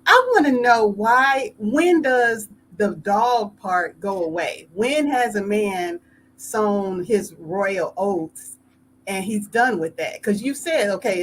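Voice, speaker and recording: A woman who is a talk show guest, asking measured questions. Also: medium pitch, a little hiss or hum.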